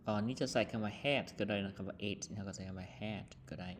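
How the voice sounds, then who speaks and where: A man's voice: on the low side, noisy background. Lao-accented man teaching English vocabulary. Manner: reads English words slowly, then explains them quickly with many fillers. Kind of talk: textbook lesson explanation.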